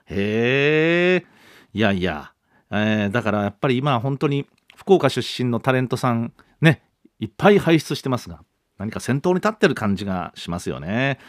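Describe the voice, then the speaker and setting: A man's voice: mid-range voice, moderate pace, dry recording. Fifties guy radio host reading fan mail, chatty and polite, voice bounces around a lot, very dry close sound. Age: 50s. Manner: lively, chatty, polite and self-deprecating.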